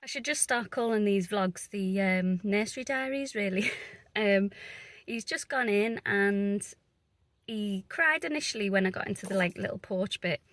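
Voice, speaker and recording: A woman's voice: medium pitch, normal speed, a bit bright. A young woman, a stay-at-home mum, chatting casually to camera in a vlog, tired and run down, rambling with frequent ums.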